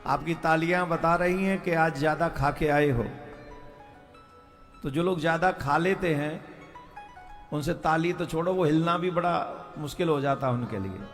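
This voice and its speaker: A man's voice: a little high, moderate pace, in a large hall, faint music behind. A male preacher giving a devotional sermon to a live crowd, earnest and teasing the listeners, calling on them to respond. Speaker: kathavachak preacher.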